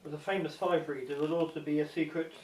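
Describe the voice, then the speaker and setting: A man's voice: on the high side, little pitch movement, quick pace, noisy background. A man co-hosting a livestream and moderating its chat, bantering in a dry, teasing way. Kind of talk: casual live-stream chat.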